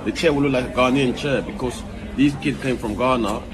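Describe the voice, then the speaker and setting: A guest designer from Ivory Coast, speaking with an Ivorian accent, explains things in casual conversation, repeating himself and often checking "you know what I'm saying". His voice is medium in pitch and fairly quick, with a crowd audible behind him.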